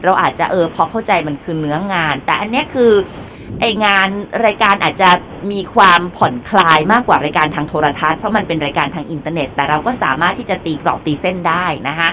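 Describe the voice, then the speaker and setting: Low-voiced woman radio host. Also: fast, pushed and bright, a little hiss or hum. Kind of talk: radio call-in advice chat.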